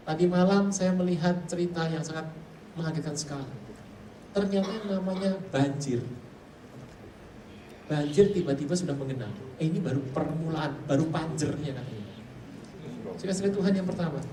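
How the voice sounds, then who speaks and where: A man preaching a sermon as pastor, telling stories and acting out the voices of the people he quotes. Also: fairly high pitch. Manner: animated storyteller who acts out quoted voices. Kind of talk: sermon with storytelling. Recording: echoey hall, mic far off, faint noise.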